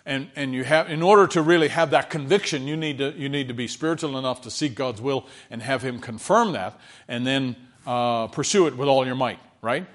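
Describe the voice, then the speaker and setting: A man preaching a sermon in a conversational way, often checking in with his listeners and swinging between loud emphasis and quiet asides. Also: fairly high pitch.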